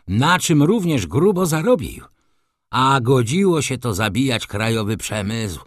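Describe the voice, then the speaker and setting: A man's voice: medium pitch, dry recording, studio quality. A man voicing an indignant, gossiping middle-aged councillor in an audiobook, ranting with scandalized outrage.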